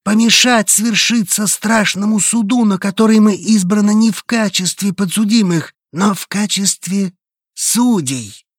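A man reading an audiobook voices a cult leader, preaching in a hoarse, solemn, booming voice. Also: a little slow, no echo, clean studio sound. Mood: solemn, exalted. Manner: solemn, booming sermon delivery. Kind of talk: audiobook character voice.

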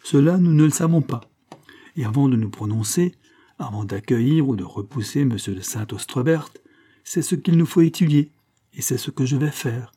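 A man's voice: mid-range voice, lively intonation, dark tone, husky. A man voicing a stern, lecturing father. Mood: firm. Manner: measured, lecturing, firm. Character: stern, reasoning middle-aged merchant father. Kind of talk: audiobook character reading.

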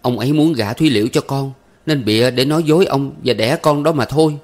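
A man's voice: medium pitch, fast talker, darkish tone, voice pushed up, natural voice. A man voicing an anxious young man who humbly pleads with his elders. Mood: pleading.

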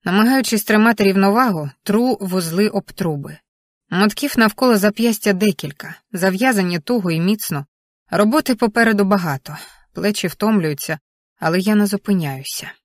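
A woman's voice: medium pitch, animated, moderate pace, no room sound, studio quality. A woman reading a first-person story aloud as an audiobook narrator, in a tense, vivid present-tense manner.

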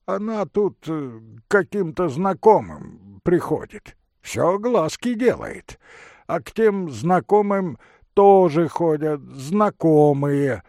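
A man's voice: a little high, lively intonation, takes it slowly, mellow, dry recording, clean studio sound, voice pushed up. A man reading an audiobook, voicing a forgetful, doddering old husband who rambles in a singsong way and keeps losing his thread. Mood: rambling. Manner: rambling, singsong, easily sidetracked. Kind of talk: audiobook character voice.

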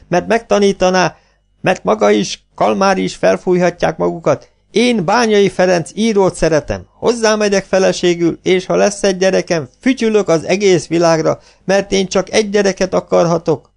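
A man voicing a hot-tempered, tipsy young actress who shouts and bursts into tears, in an audiobook reading. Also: on the low side, gravelly, voice pushed up. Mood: indignant. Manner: shrieking, hot-tempered outbursts. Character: hysterical young woman actress, tipsy and tearful.

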